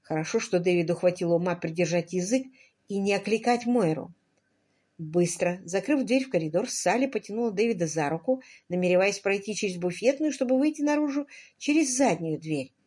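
A woman's voice: medium pitch, lively intonation, fairly quick, a little mellow, husky. Woman narrating an audiobook. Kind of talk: scripted narration.

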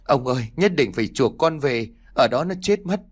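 A man's voice: medium pitch, expressive, normal speed, husky. A man voicing an anxious middle-aged village mother who begs tearfully in a raised voice. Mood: tearful begging. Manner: tearful, begging.

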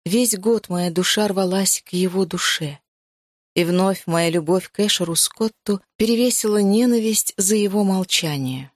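A woman narrating a first-person novel in a measured, even storytelling manner. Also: mid-range voice, no echo, clean studio sound. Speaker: audiobook narrator.

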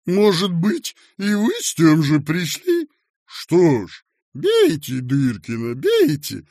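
A man's voice: on the high side, wildly swooping pitch, takes it slowly, a little mellow, no echo, studio quality, pitched above the performer's own voice, full character voice. A man voicing a pompous office boss who turns whiny and servile when scolded, in a storybook reading. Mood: self-pitying. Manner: blustering then whining and servile. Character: pompous office boss turned fawning, middle-aged man.

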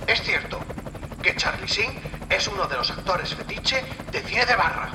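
A woman's voice: mid-range voice, animated, normal speed, over music, natural voice. A woman playing a dutiful soldier who reports earnestly to a superior in a comic military sketch. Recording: roomy echo, loud helicopter and gunfire noise.

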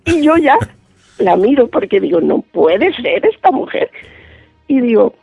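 A man with a high, gravelly voice and a breathy edge, speaking. He tells his story vividly as a radio interview guest and acts out what each person said. The sound is thin, dry and phone-like. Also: sing-song, unhurried, no room sound, faint music behind. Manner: vivid, acts out quoted dialogue. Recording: band-limited dry phone-like line.

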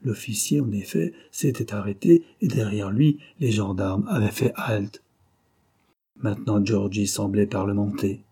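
A man reading a novel aloud as an audiobook narrator, in a steady, measured way. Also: fairly low pitch, husky.

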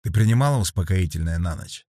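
Caring partner, quiet and questioning, deep dark voice, as a narrator reads him. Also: male voice, lively intonation, fast, slightly rough, no room sound, studio quality. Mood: concerned. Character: caring man, her partner, quietly concerned.

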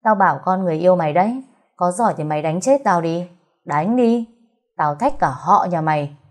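A woman voicing a crude male street thug who taunts loudly and fast. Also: on the low side, lively intonation. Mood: defiant. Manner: loud, sneering and fast.

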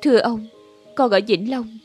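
A sick, poor young widow in a storybook drama, played by a woman with a husky, fairly high voice. She answers weakly and humbly. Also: normal speed, a little mellow, faint music behind. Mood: weary, humble. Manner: weak, humble, respectful.

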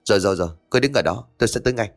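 A man voicing a middle-aged husband and father who talks in a hurried, reassuring way. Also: lowish voice, soft background music, lightly acted.

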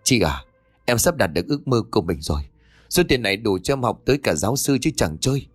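A man's voice: fairly low pitch, very animated, quick pace, no room sound, faint music behind. A man narrator voicing a greedy, bitter younger brother who talks with contempt. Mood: gleeful. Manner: muttering, contemptuous.

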